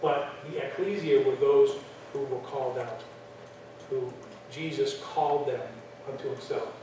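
A man's voice: mid-range voice, measured pace. A man teaching a church class in a conversational lecture style, with frequent fillers and restarts. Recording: echoey room from far off, faint noise.

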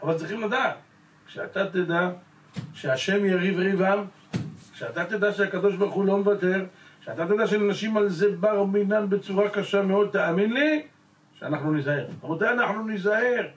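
A male rabbi giving a Torah lesson, pressing his listeners with rhetorical questions and calling them gentlemen. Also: high-pitched, a little hiss or hum. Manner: addresses the audience as gentlemen. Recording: roomy echo, voice from a distance.

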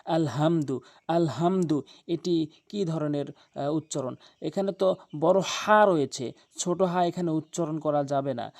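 A man teaching correct Quran pronunciation, explaining mistakes and then reciting each word slowly and drawn out. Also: on the high side, creaky, a little mellow. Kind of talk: pronunciation lesson with slow chanted examples.

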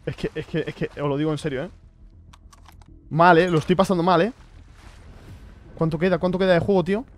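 A man's voice: fairly high pitch, steady tone, a little fast, soft background music. A young man talks through a horror game for his viewers. He sounds nervous and jumpy, repeating himself over and over when the scares hit. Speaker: gaming streamer. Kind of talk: casual horror gameplay commentary.

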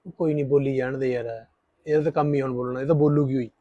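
Man acting as callous young husband, quick talker, offhand, tinny dry phone-like sound. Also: medium pitch, level tone, mellow, no echo, lightly acted. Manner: offhand, sweet-talking to new wife. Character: callous young husband, dismissive of first wife. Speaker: husband with a second wife.

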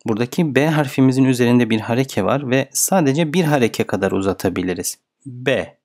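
A man's voice: medium pitch, lively intonation, fast, a little mellow. A man teaching a reading lesson, patiently asking questions and answering them himself. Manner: patient, asks and answers his own questions. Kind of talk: step-by-step lesson.

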